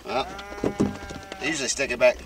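Folksy farmer in a sheep pen. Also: male voice, mid-range voice, fairly even intonation, brisk, music in the background. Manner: folksy, loose, with many fillers. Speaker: farmer vlogger. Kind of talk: casual how-to talk. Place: outdoor sheep pen on a farm. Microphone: handheld or body camera. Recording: outdoor camera audio with farm noise. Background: sheep bleating.

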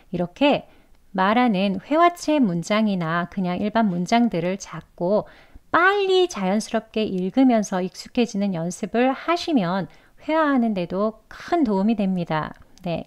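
A woman teaching English phonics, patiently repeating example sentences slowly and explaining pronunciation. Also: medium pitch. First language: Korean. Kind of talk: slow spoken lesson.

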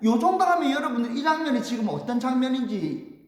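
A man teaching a lesson in a high, animated voice, slipping into the characters' lines as he explains them. He keeps checking in with his listeners. His voice rings through a big echoey hall. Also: quick pace. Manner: lively, acts out the characters' lines in passing; often checks in with the class. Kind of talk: lecture on classical Korean poetry.

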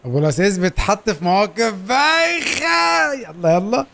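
A young man with an Egyptian Arabic accent giving excitable, joking commentary as he plays a game. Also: high-pitched, normal speed, vocal fry, a little hiss or hum. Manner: excitable, joking, urging his character on. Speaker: gaming YouTuber. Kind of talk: Let's Play commentary.

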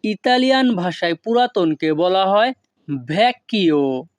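Slow, deliberate Bengali-accented male teacher. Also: sits high, lively intonation, no echo. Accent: Bangladeshi Bengali. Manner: slow, deliberate, spells out each word. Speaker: language teacher. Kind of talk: slow vocabulary lesson.

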